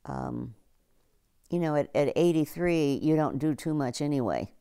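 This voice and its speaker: A woman's voice: deep voice, unhurried, vocal fry, dark tone, smooth. A woman in her eighties answering documentary interview questions in a plain, matter-of-fact way. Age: 80s.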